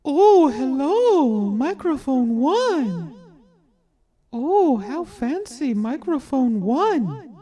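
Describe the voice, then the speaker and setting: Man in silly falsetto, digital echo effect, mixer mic, dark tone, very slow. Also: very animated, full character voice. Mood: mock-amazed. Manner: silly high falsetto, drawn out. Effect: digital echo and reverb from a DJ mixer's mic channel.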